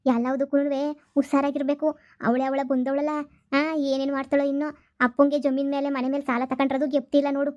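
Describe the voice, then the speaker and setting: A woman's voice: high-pitched, little pitch movement, brisk, darkish tone, dry recording, lo-fi sound, lightly acted. A woman playing a pleading, nagging village wife and daughter in a comedy skit.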